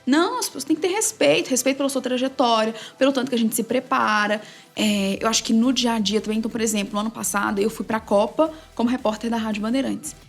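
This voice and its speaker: Fast-talking woman, animated storyteller. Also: fairly high pitch, creaky, faint music behind. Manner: animated storytelling, quick and emphatic. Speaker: sports journalist and play-by-play narrator, guest. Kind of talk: casual interview chat.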